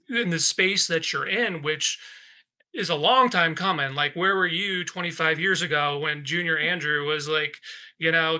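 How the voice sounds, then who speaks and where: American man, 40s, podcast host, bright voice, rambling questions. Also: on the high side. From United States. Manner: warm, rambling, hesitant with fillers. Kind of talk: podcast interview. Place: in a car.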